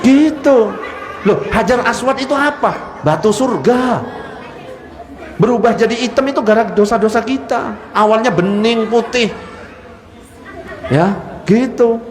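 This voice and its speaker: High-voiced joking man preaching in an echoey hall. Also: measured pace, long pauses, a crowd in the background. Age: young adult. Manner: joking, teasing the audience with questions. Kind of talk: humorous religious sermon. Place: large hall with a live audience. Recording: echoey hall with audience laughter.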